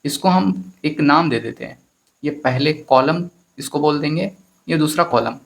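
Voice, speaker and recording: A man's voice: fairly high pitch, measured pace, creaky. A man teaching a maths lesson in Hindi with an Indian accent, explaining step by step and often addressing his students as friends. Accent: Hindi-speaking Indian.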